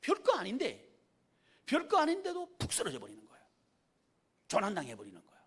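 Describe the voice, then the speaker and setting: A male pastor delivers a Sunday sermon in a church, his fairly high voice leaping wildly up and down. He keeps throwing rhetorical questions at the congregation and coaxing amens. He drops from loud calls to hushed, almost whispered lines. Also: wildly swooping pitch, fairly quick, breathy edge. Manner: rhetorical questions and prompts for amen. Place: church sanctuary.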